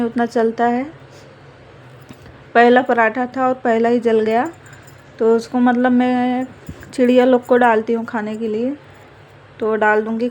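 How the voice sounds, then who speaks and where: A woman's voice: fairly high pitch, darkish tone, dull audio, a little hiss or hum. A young woman narrating her household chores in a chatty, rambling home vlog. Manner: chatty, rambling, fillers of "matlab". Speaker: vlogger, mother.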